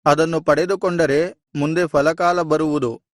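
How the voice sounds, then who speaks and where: A man giving a measured, solemn reading of scripture. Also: on the high side, fairly even intonation, dry recording, studio quality. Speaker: Bible reader.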